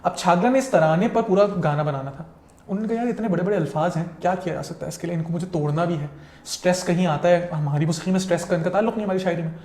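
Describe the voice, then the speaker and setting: A man's voice: sits high, fast talker, a little mellow. A man, a guest critic giving long, detailed explanations and slipping into English mid-sentence. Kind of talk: conversational explanation. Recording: roomy echo.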